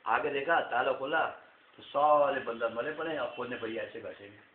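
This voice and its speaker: A man tells a folk tale at home in a lively, chatty manner. His voice has a middle pitch and comes through a thin, phone-like recording that echoes in the room, with a faint hiss behind. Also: normal speed. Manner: lively, chatty, addresses listeners as "bhaiya". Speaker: family storyteller. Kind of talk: casual folk tale telling.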